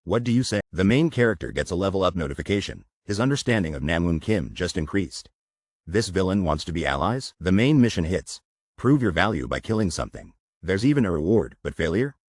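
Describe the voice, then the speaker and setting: A man's voice: deep voice, very animated, brisk, no room sound, studio quality. A man narrating a comic recap as scripted voice-over, wisecracking with playful asides.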